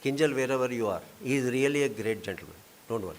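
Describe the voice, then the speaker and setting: A man's voice: mid-range voice, animated, fast, slight background noise. A man with an Indian accent making courteous, effusive announcements as master of ceremonies. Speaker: event host, master of ceremonies. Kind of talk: formal event announcements with informal asides. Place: auditorium at a convention. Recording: live hall PA, faint background ambience.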